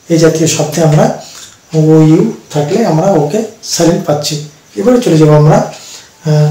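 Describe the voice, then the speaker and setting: A man who speaks Bengali as his first language, explaining English pronunciation rules slowly and step by step, pausing often and repeating himself. His voice sits a little higher than most men's. He sounds set back from the mic in a very echoey room. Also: warm tone, far from the mic. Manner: slow, step-by-step explaining with many pauses and repetitions. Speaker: English teacher.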